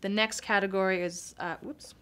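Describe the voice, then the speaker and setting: Speaking at a moderate pace in a medium, steady, slightly bright and clean voice, a young woman demos a device's menu settings. She's chatty and upbeat, gesturing along in a small foam-treated studio during this casual walkthrough.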